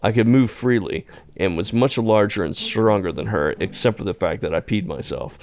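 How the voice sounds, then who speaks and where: A man's voice: on the low side, a little mellow. A young man playfully reading game narration aloud while streaming. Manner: playful, quick to laugh.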